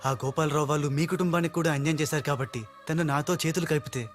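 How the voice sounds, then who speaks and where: An actor playing an earnest young reformed hero. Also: male voice, on the high side, steady tone, racing, faint music behind, lightly acted. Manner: earnest, intense.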